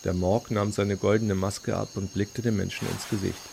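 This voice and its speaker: A man narrating a science fiction story in a measured, dramatic way. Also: fairly low pitch, flat delivery, gravelly, slight background noise. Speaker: audiobook narrator. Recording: read over loud background music.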